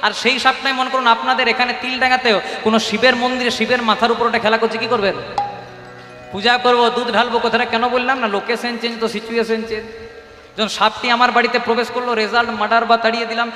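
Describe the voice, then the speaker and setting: A male kirtan singer addressing a devotional gathering, an animated, coaxing storyteller speaking through a handheld microphone. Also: very high-pitched, racing. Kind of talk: devotional talk and call-and-response kirtan. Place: live devotional gathering in a reverberant hall. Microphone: handheld stage microphone. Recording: echoey live hall with music.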